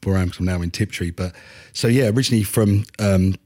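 Deep-voiced Essex man in his forties. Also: fast talker, warm tone. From Essex, England. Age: 40s. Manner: conversational, peppered with "you know". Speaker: podcast guest, chef consultant. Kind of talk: casual interview chat.

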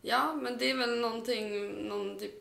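A woman's voice: fairly high pitch, fairly even intonation, gravelly, a bit bright, echoey room. A woman co-hosting a casual podcast chat, swearing freely and laughing often. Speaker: podcast co-host.

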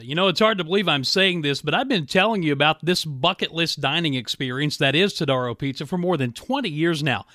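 A man's voice: on the high side, sharp tone, no room sound, clean studio sound. A man reading a scripted advertisement in a chipper, emphatic sales style as a radio host. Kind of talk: upbeat scripted advertisement read.

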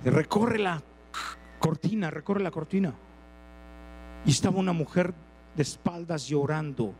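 A man with a Mexican Spanish accent preaches a sermon, telling stories, acting out characters and asking the congregation questions. His voice is fairly high, unhurried and darkish. The low-quality recording has a long reverb tail and a little hiss or hum.

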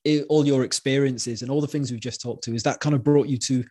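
A man with a mid-pitched voice hosts a relaxed interview podcast. He talks informally and chattily, affirming his guest and checking in with little tag questions. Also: quick pace, slightly rough. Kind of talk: casual conversational interviewing.

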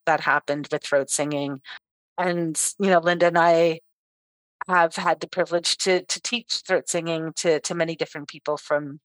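A middle-aged woman from Canada, a throat singer chatting as a guest in an interview, lively and quick to laugh. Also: low-pitched, no room sound. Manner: lively storyteller, laughs often. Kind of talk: casual interview chat.

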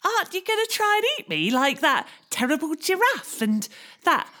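Woman playing a tiny gingerbread man, very high squeaky voice, stammering, nervous storybook character. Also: big pitch swings, normal speed, bright, forceful tone, exaggerated voice. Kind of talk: storybook read-aloud for children.

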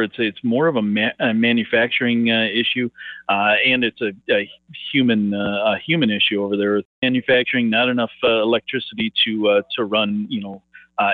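A man speaking over the phone as a market analyst guest, halting and full of filler words and restarts. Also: mid-range voice, no echo. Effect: heard over the phone. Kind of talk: phone interview on grain markets. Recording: tinny phone line, dry.

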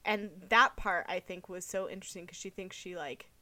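A woman's voice: lowish voice, normal speed, pushed and bright, no echo. A young woman in casual podcast chat about a book, rambling and thinking aloud with lots of filler words.

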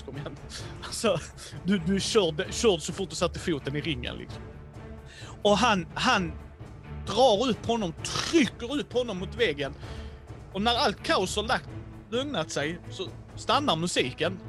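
Animated man narrating a role-playing game. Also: high voice. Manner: animated, many fillers. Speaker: game master. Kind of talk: casual role-play narration.

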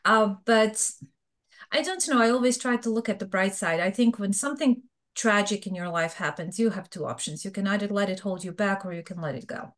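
In her mid-range voice and a slightly fast delivery, a Bosnian-accented woman of middle age chats openly as an interview guest. She works as a fraud professional, and the conversation is casual.

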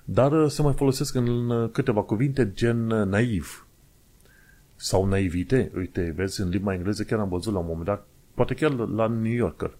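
Low-voiced Romanian man chatting casually. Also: mellow. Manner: chatty, digressive, explains step by step with hesitations. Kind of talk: casual explanatory monologue.

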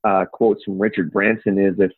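Flat and low-pitched, with a breathy edge and ordinary pace, this middle-aged Upper Michigan man speaks with a Yooper accent. He's being interviewed about his home inspection business, talking in a playful, folksy, long-winded style. The recording is thin and echoey, phone-like.

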